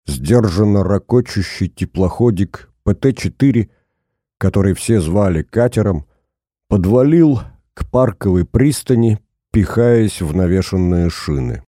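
Низкий мягкий мужской голос чтеца. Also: male voice, low-pitched, mellow, no echo, clean studio sound. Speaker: audiobook narrator. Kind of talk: first-person audiobook narration.

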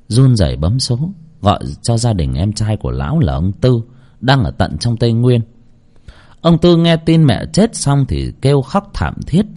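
A husky male storyteller, telling a grim tale in a grave, dramatic way. His pitch rises and falls widely across each sentence. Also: mellow.

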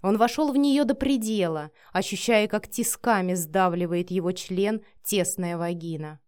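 A woman narrating an erotic audiobook in a soft, sensual, measured voice. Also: on the low side, clean tone, no echo, studio quality. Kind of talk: reading an erotic story aloud.

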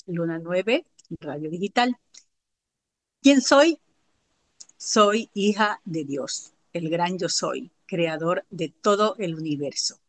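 A woman joins a radio interview as a guest author over a video call. She speaks in a somewhat low voice, earnest and devout, without hurrying. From Ecuador.

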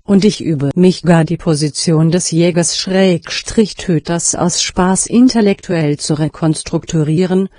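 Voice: mid-range voice, mellow, dry recording, clean studio sound. A computer-generated voice of unclear sex reading scripted audiobook narration in a stilted, literal manner. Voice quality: synthetic computer voice. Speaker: audiobook reader.

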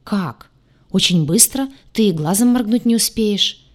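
A woman's voice: medium pitch, expressive, measured pace, pitched above the performer's own voice. A woman voicing a huge, nervous horned male demon who pleads in panicky, stammering bursts, raised above her own voice.

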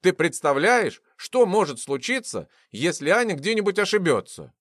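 A man's voice: high-pitched, very animated, moderate pace, a bit bright, dry recording, clean studio sound, exaggerated voice. A man doing a smug, teasing young guy. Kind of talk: audiobook character reading.

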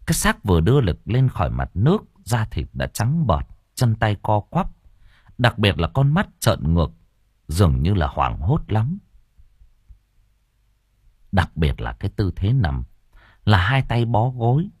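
A man narrating an audio novel with expressive storytelling. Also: lowish voice, measured pace, pauses often, slightly rough, dry recording, clean studio sound.

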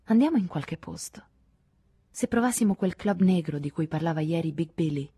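A woman's voice: on the low side, expressive, normal speed, mellow, husky, dry recording. A woman reading the part of an anxious woman in love, pleading and tearful, in an audiobook. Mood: restless.

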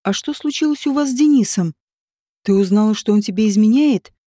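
A woman's voice: mid-range voice, a little fast, dark tone, no echo, clean studio sound, close to an everyday voice. A woman voicing a blunt, teasing former cop who pushes a rich woman to divorce, read in an audiobook. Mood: coaxing. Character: man, a brash ex-cop wooing a rich woman. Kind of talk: audiobook character reading.

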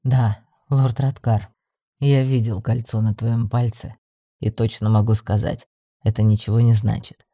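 A woman doing a deep-voiced coaxing half-dragon man. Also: little pitch movement, a little slow, warm tone, dry recording, clean studio sound, exaggerated voice. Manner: low, coaxing and insistent. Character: young male half-dragon, possessive, softly menacing. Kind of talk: audiobook narration.

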